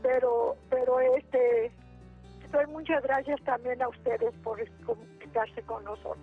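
Calling in on a tinny phone line with soft music behind her, an eighty-something Mexican woman offers spoken prayer and testimony about her troubles. Her slightly rough voice is a little high and measured in pace. She's pious and meandering, with frequent restarts.

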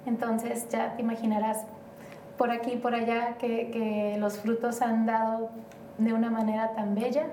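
A woman from Mexico, speaking as a guest in a casual interview, rambles and hesitates with frequent fillers. Her high-leaning voice is mellow and monotone, moving at a normal speed. Faint noise and a distant, roomy sound mark the recording.

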